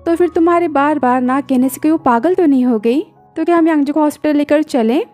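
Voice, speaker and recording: A woman's voice: high-pitched, brisk, a little mellow, soft background music, lightly acted. A woman voicing a poor, cheeky young wife who talks slyly.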